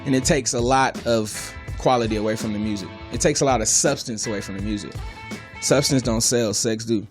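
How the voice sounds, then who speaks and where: A man's voice: medium pitch, brisk, music in the background. Brash, opinionated male co-host. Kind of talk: casual hip hop talk show banter.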